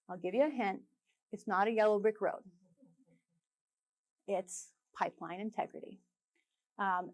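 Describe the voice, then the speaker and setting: A woman gives a technical conference presentation in an easygoing tone. She leans on small fillers between phrases and slips in the odd playful joke. Her voice sits at an ordinary middle pitch for a woman. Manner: filler-heavy, relaxed, with light jokes.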